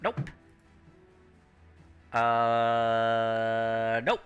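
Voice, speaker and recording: A man's voice: mid-range voice, completely flat delivery, extremely slow, fairly bright tone, smooth, muffled recording, faint music behind. A man running a tabletop game as game master, narrating and explaining rules casually.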